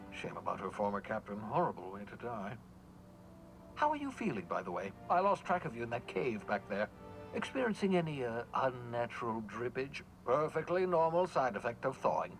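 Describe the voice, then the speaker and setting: An actor playing an eccentric, rambling colony scientist in a video game, offhand and darkly cheerful. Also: male voice, mid-range voice, big pitch swings, normal speed, faint music behind, low-quality recording. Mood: scheming. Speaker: game character.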